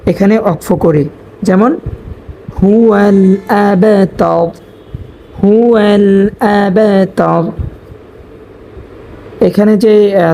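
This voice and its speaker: A woman teaching Quran recitation, spelling out each letter and vowel mark deliberately and chanting verses in long, drawn-out tones. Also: on the low side, dark tone, slight background noise.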